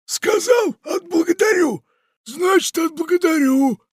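A man voicing a boisterous, treacherous male pirate in a storybook, shouting his lines in a strained, raised voice. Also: expressive, a little slow, dry recording, studio quality. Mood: boastful. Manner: shouting, exclamatory, high-pitched. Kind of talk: audiobook character voice.

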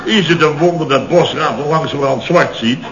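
Here the middle-aged Dutch contractor boss is only lightly acted, in a slightly high male voice at normal speed with a Netherlands Dutch accent. Blustering and put-upon, he recounts mishaps in long, indignant tales full of exasperated emphasis. It's 1970s radio comedy, heard through a dull old recording.

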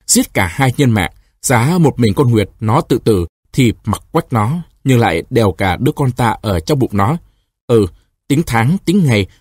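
A man's voice: medium pitch, darkish tone, slightly rough, dry recording, clean studio sound. A man doing a fickle young lover. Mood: scheming. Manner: placating, reassuring.

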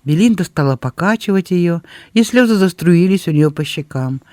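A man narrating an audiobook in a steady, expressive storytelling way. His voice sits high for a man. The sound is dry and close, with no room around it. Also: moderate pace, dry recording. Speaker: audiobook reader. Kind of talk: scripted narration.

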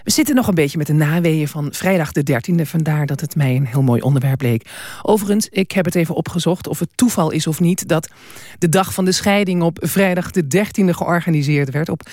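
A presenter's voice introduces archive clips in a calm, informative way. The sound is dry and close, with a middle pitch. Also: brisk, no room sound. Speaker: radio presenter. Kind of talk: scripted radio presentation.

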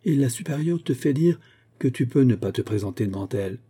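A man's voice: medium pitch, expressive, brisk, warm tone, husky. A man voicing a proud, defiant young schoolgirl who speaks in a haughty, insistent way. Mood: urgent.

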